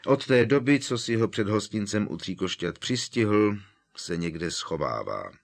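A man voicing a calm, wise elderly headmaster in an audiobook reading, measured and soothing. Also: fairly low pitch, vocal fry. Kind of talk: audiobook character voice.

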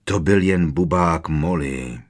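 A calm middle-aged wizard in an audiobook, speaking low and hollow to soothe, as a male narrator puts him on. The voice sits clearly below the narration, slow and quiet. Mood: soothing.

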